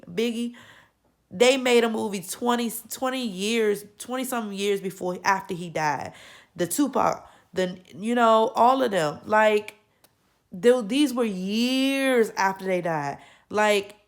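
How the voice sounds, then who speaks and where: A young adult woman vlogging casually while congested from a cold, rambling with fillers and frequent self-corrections. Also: lowish voice. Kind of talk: casual opinion vlog.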